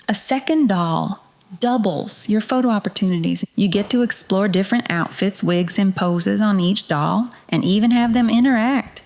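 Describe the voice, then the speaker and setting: A woman's voice: mid-range voice, a little mellow, natural voice. A woman with a Southern US accent playing a folksy, no-nonsense detective agency secretary, chatting directly to the listener in scripted noir-style podcast narration. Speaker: podcast host.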